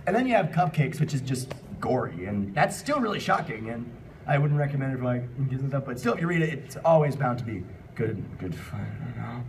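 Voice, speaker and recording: A man hosts a live fan panel, taking audience questions in a casual, rambling, jokey, unscripted style. His medium-pitched voice is sing-song and brisk, captured by a distant mic in a noisy panel room.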